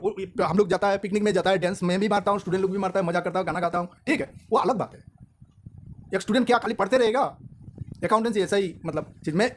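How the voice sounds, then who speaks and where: A male accountancy tutor with a fairly high voice talks straight to his students. His delivery is lively and preachy, and he breaks off to tell a joke. Faint noise hums under the recording. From India. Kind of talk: lecture and chat to students.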